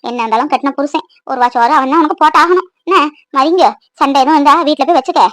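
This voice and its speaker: A woman's voice: sits high, very fast, a bit bright, dry recording, clean studio sound. A woman voicing a grumbling old village woman in a cartoon, lamenting and scolding young wives about the old days. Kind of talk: cartoon voice acting.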